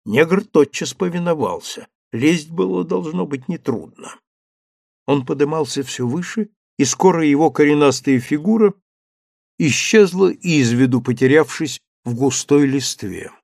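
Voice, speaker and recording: Slow, high-voiced male story narrator. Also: expressive, creaky, a little mellow, no echo, clean studio sound. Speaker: audiobook narrator.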